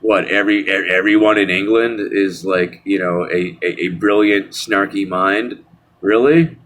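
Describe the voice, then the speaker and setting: A man's voice: deep voice, level tone, normal speed, fairly bright tone, slight background noise. A young man in a casual vlog rant, sarcastic and rambling, full of restarts and fillers. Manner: mocking singsong asides. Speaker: vlogger. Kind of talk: casual ranting monologue.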